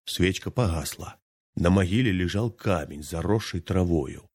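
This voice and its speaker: A man narrating a folk tale aloud with lively, dramatic storytelling. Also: low-pitched, a little slow, husky, no room sound, studio quality.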